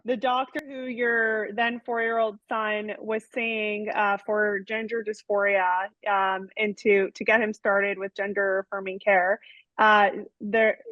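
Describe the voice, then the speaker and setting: A woman's voice: medium pitch, little pitch movement, measured pace, no echo. A woman interviewing a guest, asking pointed questions with an emphatic, incredulous manner. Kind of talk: conversational interview. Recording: dry, dull lo-fi audio.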